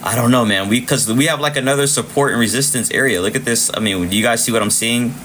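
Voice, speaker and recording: This livestream trading host speaks fast in a mid-range male voice, with slight noise in the background. Chatty and repetitive, he offers loose commentary on the charts and keeps thanking viewers by name, though he's losing his voice.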